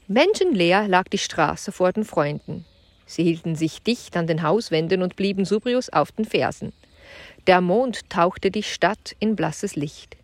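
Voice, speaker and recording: Woman, audiobook narrator, children's adventure, clear even delivery, middle pitch, dry close recording. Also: no echo.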